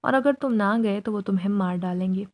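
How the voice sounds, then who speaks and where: A woman's voice: medium pitch, darkish tone, natural voice. A woman voicing a young male jinn who pleads his love in a spoken horror story. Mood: earnest.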